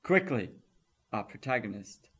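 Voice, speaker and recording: Young guy on a comedy podcast, slow and dramatic, bright tone, lots of up and down. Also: medium pitch, very animated, husky. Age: young adult. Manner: slow, dramatic, mock-ominous narration. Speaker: podcast co-host. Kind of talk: casual comedy banter, mock storytelling.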